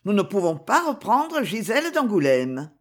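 A narrator putting on a grave, coldly calm queen. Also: mid-range voice, normal speed. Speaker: character in a read novel. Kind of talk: audiobook reading.

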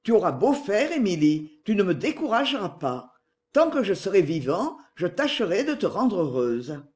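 Narrator playing a wheedling middle-aged man, insistent, falsely tender, pitch rising and falling. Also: very animated, moderate pace, darkish tone, lightly acted.

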